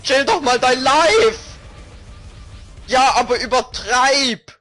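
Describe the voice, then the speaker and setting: A man playing video games and commentating in excited outbursts, screaming in a berserk rage. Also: very high voice, takes it slowly, soft background music. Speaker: video game player.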